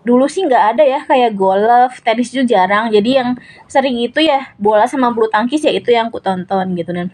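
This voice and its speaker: A woman's voice: on the high side, a little fast, darkish tone. A young woman hosting a casual solo podcast, chatting in a rambling way with many fillers and self-corrections. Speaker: podcast host.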